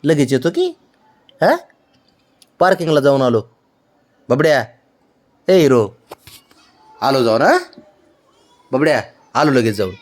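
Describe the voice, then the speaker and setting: A man's voice: medium pitch, big pitch swings, slow, pauses often. A man at home talking fondly to his pet cat, teasing it with coaxing questions. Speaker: cat owner. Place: home, indoors.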